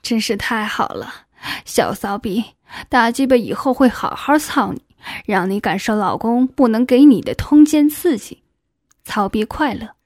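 A woman reading the part of a domineering middle-aged male official in an adult audiobook, in a coaxing, breathy, slightly lowered voice. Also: lively intonation, unhurried, darkish tone, no echo, studio quality. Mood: lewd coaxing.

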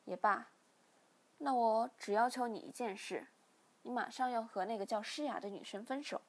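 A woman's voice: fairly high pitch, normal speed. A woman reading a stern middle-aged father. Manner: lecturing, weary sighs.

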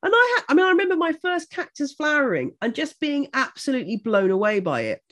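A middle-aged woman from Buckinghamshire with a Home Counties accent, chatting informatively and enthusiastically about her expertise in an animated, emphatic way. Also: high voice, fast. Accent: English Home Counties. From Buckinghamshire, England. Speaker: houseplant expert and author.

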